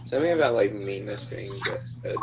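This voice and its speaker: A man's voice: fairly low pitch, animated, brisk, muffled recording, noisy background. A teenage man on a video call, rambling and full of fillers. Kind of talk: casual video-call book discussion. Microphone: laptop on a video call.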